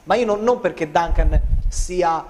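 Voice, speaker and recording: A man's voice: on the high side, measured pace, a little mellow, a little hiss or hum. A man, arguing insistently as a football pundit in a panel debate. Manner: argumentative, insistent. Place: TV studio. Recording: reverberant TV studio.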